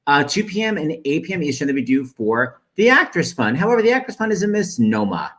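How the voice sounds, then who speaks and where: A man co-hosting a casual livestream chat from home, a little out of breath after a workout, trading quick jokes. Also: fairly high pitch, very animated, fairly bright tone. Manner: quick, joking banter. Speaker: co-host. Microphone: desk mic for video stream.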